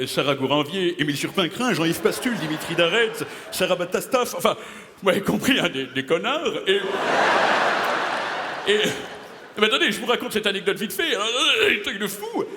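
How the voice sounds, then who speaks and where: A man playing a pompous, self-important playwright before a live audience, declaiming grandly and laughing at his own jokes. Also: high-pitched. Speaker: comedian performing a character for a live crowd. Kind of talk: improvised comic character act. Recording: echoey hall with loud crowd noise.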